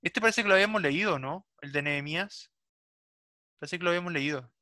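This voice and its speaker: A man giving casual, halting feedback on students' stories in an online class, often checking in with "¿ya?". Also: on the high side, pushed and bright, no echo, studio quality. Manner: casual, hesitant, repeats "¿ya?" often. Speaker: teacher.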